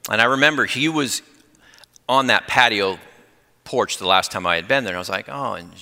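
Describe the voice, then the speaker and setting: A middle-aged man giving a conversational sermon with personal testimony, earnest and growing excited, speeding up when fired up. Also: on the low side, brisk. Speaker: lay preacher. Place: church. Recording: long reverb in a church hall.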